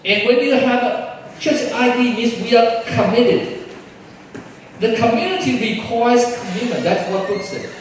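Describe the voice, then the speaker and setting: A man's voice: very high voice, a little slow, a little hiss or hum. A man from Taiwan preaching a sermon as pastor, speaking English as a second language and putting questions to the congregation. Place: large church hall. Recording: echoey church hall from far off.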